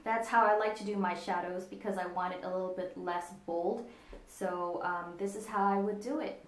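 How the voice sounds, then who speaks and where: A woman giving a casual makeup tutorial, talking in a relaxed, meandering way with frequent ums. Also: mid-range voice, normal speed. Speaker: makeup vlogger. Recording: echoey room.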